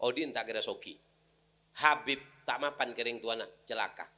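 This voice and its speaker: A man with a Madurese accent giving a humorous sermon, animated, with sudden loud outbursts. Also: medium pitch, normal speed. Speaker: preacher.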